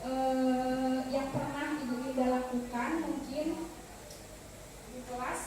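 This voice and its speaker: A woman's voice: high-pitched, little pitch movement, takes it slowly, recorded from a distance. A woman teacher politely asking the presenter a question, thanking her formally. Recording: very echoey room, voice from afar, faint noise.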